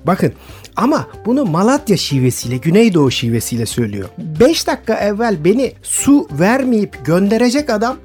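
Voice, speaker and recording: A woman's voice: mid-range voice, fairly quick, soft background music. A woman from Istanbul, a touring cyclist, telling travel stories as a guest in a radio interview and speaking straight to her listeners. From Istanbul, Turkey. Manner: lively anecdotal storytelling, addressing listeners directly.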